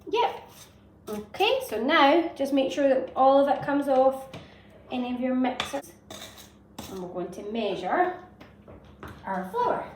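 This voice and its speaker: Her voice sits high, with lively intonation and a measured pace, as she walks children through baking with simple, encouraging instructions. The children's show is set in a home kitchen, and the distant mic captures echo, noise, and utensil clatter.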